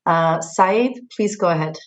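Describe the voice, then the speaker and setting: A woman moderating an online meeting, calling on speakers in a calm, even way. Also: fairly low pitch, measured pace.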